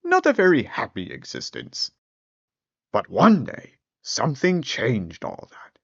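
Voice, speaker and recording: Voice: medium pitch, wildly swooping pitch, unhurried, creaky, no room sound. A storyteller giving a theatrical, wry comic narration of a fairy tale on a dull lo-fi recording.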